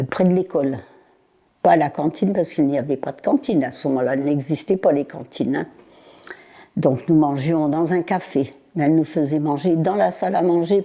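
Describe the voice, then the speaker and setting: A woman in her nineties, recalling her childhood in an interview, speaking haltingly with pauses and repeated words. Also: low-pitched, dark tone. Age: 90s.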